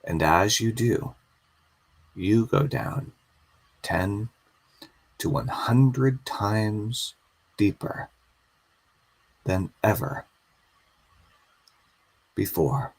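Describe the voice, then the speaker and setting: A man guiding a slow hypnosis induction, soothing and repetitive. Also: fairly low pitch, animated, vocal fry, slightly rough, rough recording.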